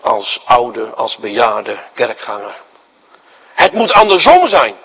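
A male preacher giving a sermon to his congregation, asking rhetorical questions and acting out the story, swinging between loud emphasis and quiet asides. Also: mid-range voice, sing-song, takes it slowly, creaky, husky, poor audio.

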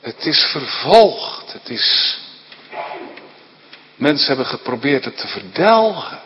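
A man's voice: mid-range voice, big pitch swings, slow pace, big-room sound, dull audio. A man pastor giving an earnest, emphatic sermon.

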